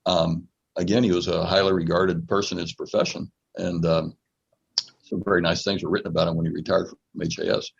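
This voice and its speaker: A man with a very low, gravelly voice takes part in a reflective podcast conversation. He speaks in a measured, thoughtful way, and his voice has a husky edge. The audio is dull and lo-fi. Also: flat delivery.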